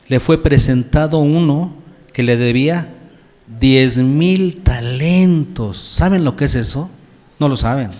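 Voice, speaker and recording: A man's voice: a little high, a little mellow, long reverb tail. A male pastor preaching a sermon, putting questions to his congregation and answering them himself. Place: church.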